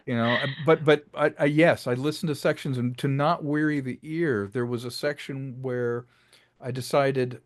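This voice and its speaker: A middle-aged director speaks as a guest in a casual interview, animated and fond of acting out quotes. His voice is medium in pitch and his pace moderate.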